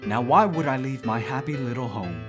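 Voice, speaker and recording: A man in an audio drama, voice set beneath plucked guitar, speaks at normal speed with a medium-pitched, natural, animated delivery. His character is a teasing, smug immortal dream maker some three thousand years old, sardonic, needling and wry.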